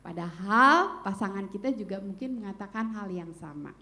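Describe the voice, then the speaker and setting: A woman's voice: mid-range voice, moderate pace. A middle-aged woman speaking at a church family seminar in a chatty, playful way, often addressing the audience directly. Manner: lively, playful humor.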